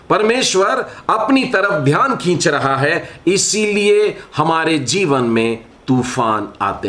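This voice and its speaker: A man delivering a sermon at an unhurried, measured pace. His voice sits fairly high for a man, and he poses rhetorical questions to his listeners. He often lets phrases fall away into a hushed tone. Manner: slow, deliberate preaching with rhetorical questions. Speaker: preacher.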